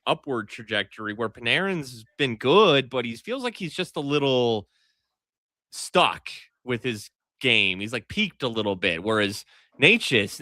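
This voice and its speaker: A man's voice: mid-range voice, sharp tone, dry recording, clean studio sound. A man co-hosting a casual hockey analysis chat, talking through his opinions in an informal way. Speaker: sports show co-host. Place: hockey arena after a game. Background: arena ambient noise.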